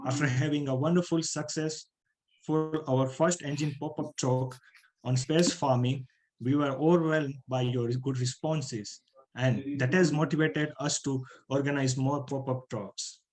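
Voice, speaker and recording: A man's voice: medium pitch, steady tone, measured pace, darkish tone, a little hiss or hum, poor audio. A man hosting an online talk, formal in his welcomes and hesitant in places. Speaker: host.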